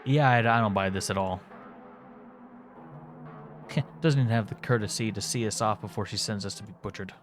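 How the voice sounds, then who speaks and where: A man's voice: lowish voice, moderate pace, pauses often, soft background music. A man hosting a game playthrough, reading the story aloud dramatically with wry, sarcastic asides. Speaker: gaming host reading aloud.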